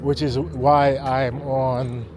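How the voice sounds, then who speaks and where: Slow, halting man walking outdoors. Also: mid-range voice, level tone, crowd noise. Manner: slow, halting, repeats words. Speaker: vlogger. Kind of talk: casual walking vlog talk. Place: outdoors on a neighborhood street at night. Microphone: handheld camera mic while walking.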